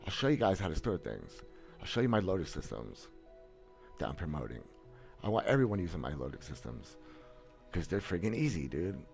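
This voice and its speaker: A gaming streamer in his thirties does casual livestream commentary from a small room, seated at a headset mic with webcam framing. His deep, darkish voice has vocal fry and sounds very animated and brisk, pausing often. He talks bluntly and boastfully, restarting and stammering a lot, over soft background music.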